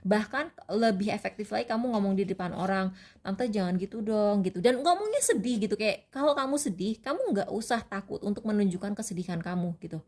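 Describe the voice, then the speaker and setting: A woman's voice: mid-range voice, expressive, fast, darkish tone. Chatty woman giving tarot advice. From Indonesia. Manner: chatty, loose, full of fillers and restarts. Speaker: tarot reader. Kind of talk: casual tarot reading advice.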